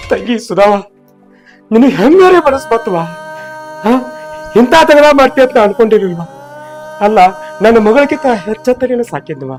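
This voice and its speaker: Guy doing a preachy old village headman w/ north karnataka accent, fairly high voice, scolds a lot. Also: darkish tone. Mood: angry scolding. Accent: North Karnataka Kannada. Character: stern elderly village patriarch, father-in-law. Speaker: actor in a village comedy film.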